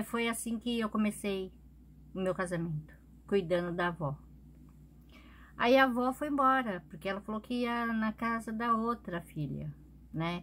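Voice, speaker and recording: A woman's voice: medium pitch, a bit bright, a little hiss or hum. A woman vlogger telling a personal story in a casual, chatty way, often adding little tag questions.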